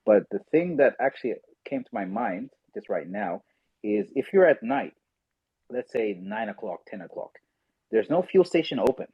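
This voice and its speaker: A man hosting a podcast in casual chat, animated and blunt, swearing and talking over others. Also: fairly low pitch, normal speed, husky, dry recording. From South Sudan. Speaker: podcast host. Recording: muffled lo-fi call audio.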